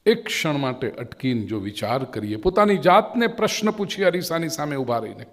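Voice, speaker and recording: A man's voice: a little high, big pitch swings, a little fast. Man preaching in a reverberant hall. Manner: rising to emphatic, questioning appeals. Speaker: spiritual speaker. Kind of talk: sermon with storytelling. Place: large hall at a spiritual mission. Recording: long reverb of a large hall.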